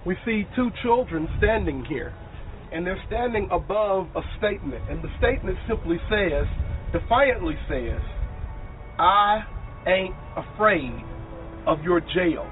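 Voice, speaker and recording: High-voiced tour guide man, lo-fi. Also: animated. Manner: measured, emphatic, slows for key phrases. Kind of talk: walking-tour narration. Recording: tinny lo-fi audio with faint music.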